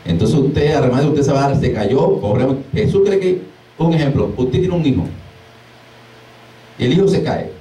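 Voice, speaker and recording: Preaching casually to a small group, this deliverance minister is animated, imitating exclamations and breaking into laughter. His voice is on the high side at a moderate pace with frequent pauses, captured far from the mic in an echoey room.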